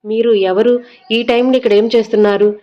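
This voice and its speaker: A woman's voice: a little high, steady tone, brisk, warm tone, muffled recording, close to an everyday voice. A woman voicing a young male hero in an audio story, firm and questioning.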